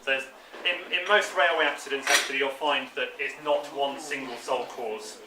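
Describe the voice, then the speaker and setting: A man giving an unscripted guided tour, explaining things in a calm, measured museum-guide manner. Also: mid-range voice. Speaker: signal box tour guide. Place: indoors in a signal box. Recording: echoey room, distant mic, clear background noise.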